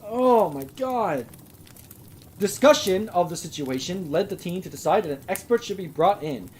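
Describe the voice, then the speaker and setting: A young woman reads a story aloud for comedy and keeps breaking in with sarcastic, swearing commentary. Her voice sits a little low. Her asides are mocking and exasperated. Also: animated, fairly quick, darkish tone, a little hiss or hum. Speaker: host reading a story aloud. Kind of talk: comedic live reading with commentary.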